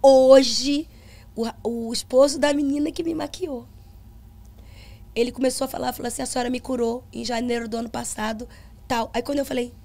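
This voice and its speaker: Middle-aged female pastor and singer, podcast testimony, gravelly voice pitched a bit high. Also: steady tone, a little fast, a little mellow. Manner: earnest storytelling, acts out dialogue.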